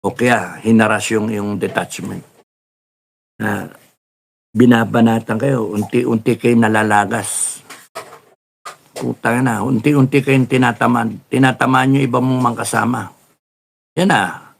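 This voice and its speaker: Gravelly, slow-talking man ranting. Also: mid-range voice, fairly even intonation, a little hiss or hum. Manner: swears often, laughs at his own jokes, acts out soldiers' shouts. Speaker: political commentator. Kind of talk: ranting political commentary.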